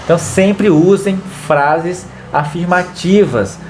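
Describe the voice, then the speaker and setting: A man's voice: high voice, slow pace, a little mellow, slight background noise. A man co-hosting a family advice talk, explaining patiently and repeating key words for emphasis. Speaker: co-host giving family advice. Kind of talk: casual talk to viewers.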